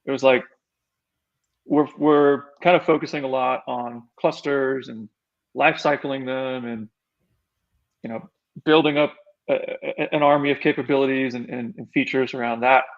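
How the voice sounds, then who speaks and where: A man's voice: mid-range voice, steady tone, normal speed, muffled recording. A man appearing as a guest on a tech podcast, chatting in an easygoing, enthusiastic way. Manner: enthusiastic, easygoing, laughs often. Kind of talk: casual tech chat.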